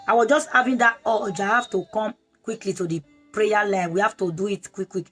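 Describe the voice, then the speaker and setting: A woman's voice: mid-range voice, fairly even intonation, fairly quick, fairly bright tone, breathy edge, soft background music. A woman leading an online prayer sermon, preaching fervently with lots of repetition. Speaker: prayer leader.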